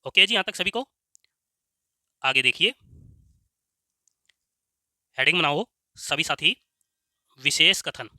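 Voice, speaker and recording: A man teaching Hindi grammar, dictating slowly and repeating words so students can write them down, often saying "ok ji". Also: on the high side, expressive, sharp tone, no echo, studio quality. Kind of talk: slow dictation-style lesson.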